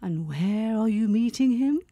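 A woman voicing a slinking male snake with a whispery, drawn-out voice. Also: a little high, expressive, mellow, no echo. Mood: sly.

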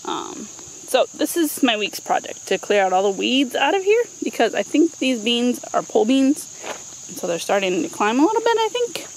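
A vlogger in her thirties leads a relaxed, playful tour of her home vegetable garden out back, slipping in informal asides. Her voice leans high and sing-song, at an ordinary pace. The outdoor handheld camera recording sounds poor, with noticeable ambient noise.

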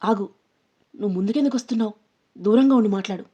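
A woman voicing a frightened but defiant young woman in an audio story, speaking sharply and loudly. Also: lowish voice, little pitch movement, fast, husky, muffled recording. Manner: sharp, shouting, pleading. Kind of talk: storybook narration.

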